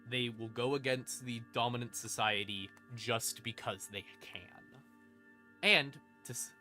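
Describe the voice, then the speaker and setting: Over creepy ambient music, a man streams a casual, informal rundown of game lore, dropping dry asides and dramatic emphasis. His medium-pitched voice is bright and forceful, and he talks a little slowly.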